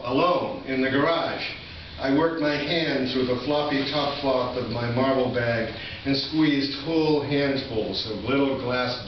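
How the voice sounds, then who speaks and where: An older poet from Massachusetts gives a live reading at an indoor college venue, adding informal, reminiscing asides. His voice is medium in pitch and the audio is dull, captured from a distance in an echoey room with noticeable noise.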